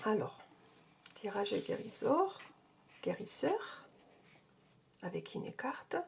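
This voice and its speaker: A woman's voice: medium pitch, sing-song, takes it slowly, vocal fry, breathy edge. A woman casually reviewing an oracle card deck and reading out card texts, hesitating often. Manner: hesitant, with many fillers and restarts; reads card text aloud.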